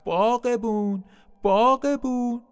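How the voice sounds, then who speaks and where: A man's voice: mid-range voice, sing-song. A man voicing an upset little orange fruit in a storybook tale, whiny and stubborn. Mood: upset, wailing. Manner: whiny and insistent.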